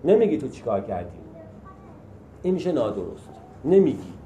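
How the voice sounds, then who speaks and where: A man's voice: mid-range voice, very animated, dark tone, reverberant, lo-fi sound, slight background noise. A man leading a support group, teaching emphatically, asking rhetorical questions and acting out everyday examples. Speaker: group session leader.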